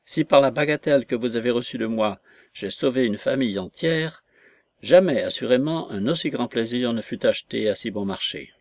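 Earnest young gentleman, read by a man. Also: mid-range voice, lively intonation, moderate pace, natural voice. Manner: firm, earnest.

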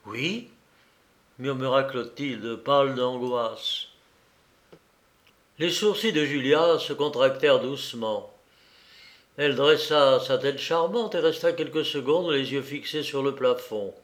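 A man narrating a classic novel in a measured, unhurried reading. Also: medium pitch. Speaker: audiobook narrator.

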